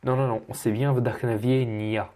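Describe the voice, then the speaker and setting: A man teaching pronunciation as he corrects a student, patiently repeating each word slowly. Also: mid-range voice, darkish tone, breathy edge. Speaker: Russian language teacher.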